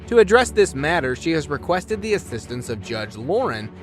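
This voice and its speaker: A man's voice: fairly high pitch, sing-song, normal speed, faint music behind. A man narrating court show clips in a dramatized way, with exclamatory, scolding asides. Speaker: video narrator.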